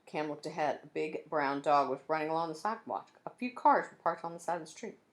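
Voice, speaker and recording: A deep-voiced woman teacher reads a children's chapter book aloud quickly and with lively intonation. She sprinkles in friendly asides for the young listeners.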